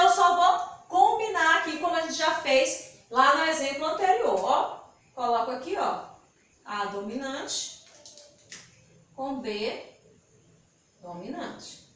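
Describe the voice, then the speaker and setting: A woman's voice: sits high, a bit bright, a little hiss or hum. A woman teacher, explaining a lesson step by step and asking and answering her own questions. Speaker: biology teacher. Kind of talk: recorded classroom lesson at a board. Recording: very echoey room, voice far from mic.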